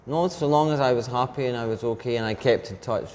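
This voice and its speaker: The guest in this casual interview is a Scottish teacher in his fifties who heads an English department. His medium-pitched, darkish voice is purposely slowed and clear, set against long reverb and faint background noise.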